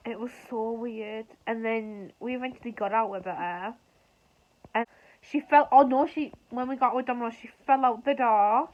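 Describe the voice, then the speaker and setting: A woman's voice: a little high, moderate pace, highs cut off. A hungover young British woman telling a story in casual, sweary, informal chat. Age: young adult.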